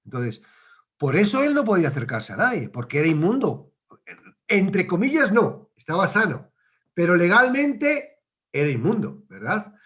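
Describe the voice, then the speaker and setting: A man's voice: sits high, big pitch swings, normal speed, a bit bright. A man teaching a casual Bible study, conversational, asking questions and acting out quotes.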